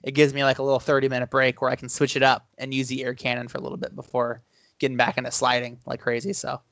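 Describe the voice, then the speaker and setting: A man's voice: medium pitch, monotone, quick pace, creaky, fairly bright tone, dry recording, highs cut off. A man co-hosting a podcast, chatting casually and reading out fan questions. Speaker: podcast co-host.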